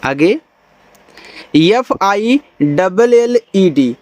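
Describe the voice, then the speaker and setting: Slow, high-voiced man teaching phonics. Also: lively intonation, darkish tone. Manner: slow, patient, spells letters then sounds words out, repeats quiz questions. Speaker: English teacher. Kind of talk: Hindi-language phonics lesson, spelling out English words letter by letter.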